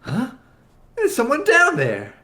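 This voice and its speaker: Man putting on a high, feisty young woman. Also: huge pitch swings, slow, sharp tone, heavily acted. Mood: startled. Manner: exclamatory, dramatic. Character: feisty young woman navigator, alarmed and proud. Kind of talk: comic manga dramatization.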